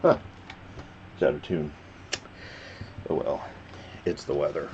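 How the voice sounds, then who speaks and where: A man's voice: rumbling low, fairly even intonation, takes it slowly, warm tone. A man giving casual reaction commentary, rambling and often stopping to restart his sentences. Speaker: reaction video host. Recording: dull lo-fi sound with faint background noise.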